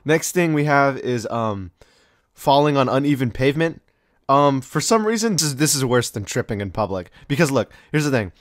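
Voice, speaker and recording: A young man chats through a countdown of awkward moments in loose slang, full of "like" and "bro". His voice sits at a middling pitch. The room sounds dry, with the mic close up. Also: animated, normal speed, no echo. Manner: slangy, rambling, with many fillers and mock-quoted voices. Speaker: video host. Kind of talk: casual countdown commentary.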